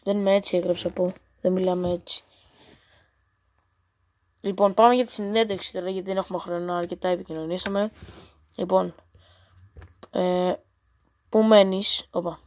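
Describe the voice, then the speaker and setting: A woman's voice: fairly low pitch, fairly even intonation, pauses often, darkish tone, no room sound. A female gaming channel host chatting casually and reading out a chatbot's replies, with playful, teasing, exasperated asides.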